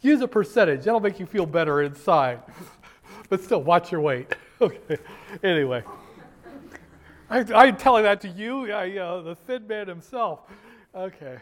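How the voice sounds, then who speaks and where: A man's voice: high-pitched, lively intonation, unhurried, long pauses. A man giving a university finance lecture in a classroom, joking and digressing, talking straight to his students and often stopping to restart his sentences. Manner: jokey, digressive, with many fillers and restarts; addresses students directly.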